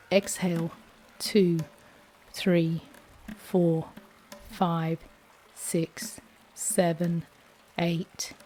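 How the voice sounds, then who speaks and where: Very slow-paced woman guiding breathwork. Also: on the low side, dark tone. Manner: measured, instructional. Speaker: breathwork guide. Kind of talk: guided breathing exercise with slow counting.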